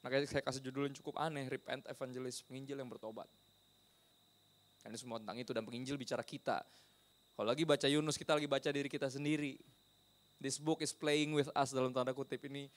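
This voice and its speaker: A man's voice: mid-range voice, fast. A man preaching a sermon as pastor, talking in a conversational way, slipping English phrases in and asking the audience questions.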